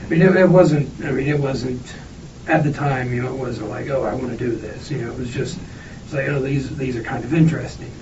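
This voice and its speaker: Male suspect in questioning, jittery and halting, muffled sound with clear background noise. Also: medium pitch. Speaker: suspect being interviewed by police. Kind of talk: halting interview answers. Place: echoey interview room, far mic. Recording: muffled, noisy, echoey police room recording, distant mic.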